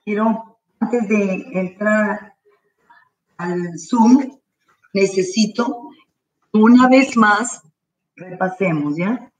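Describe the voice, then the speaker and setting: A woman teacher giving slow, careful, repeated instructions to parents while straining her throat. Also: mid-range voice, distant mic, rough recording. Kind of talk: online class instructions to parents. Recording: voice from away from the mic.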